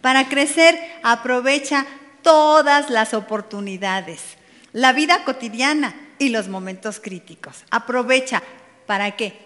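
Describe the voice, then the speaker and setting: Speaking a little slowly but with animation, this woman has a fairly high, fairly bright voice. She gives a conversational sermon to a women's meeting, speaking right to her audience with playful asides. The recording carries the long reverb of a church meeting hall.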